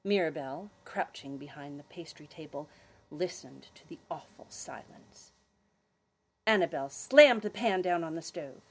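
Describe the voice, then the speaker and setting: A woman hosting a family podcast, narrating a children's adventure story with expressive storytelling. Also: low voice, moderate pace, husky, rough recording.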